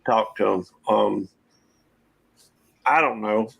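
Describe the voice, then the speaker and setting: A man's voice: on the low side, slow, gravelly, a bit bright, slightly rough. A man, hosting a casual live-stream panel chat in a folksy, rambling drawl. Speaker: channel host.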